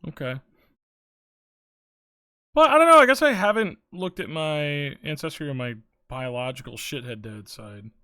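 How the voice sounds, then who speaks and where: Bright-voiced streamer rambling casually. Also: medium pitch, lively intonation, moderate pace, long pauses. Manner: rambling, joking, swears freely, talks to chat; hums to self while working. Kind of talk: casual late-night chat while drawing. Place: home room.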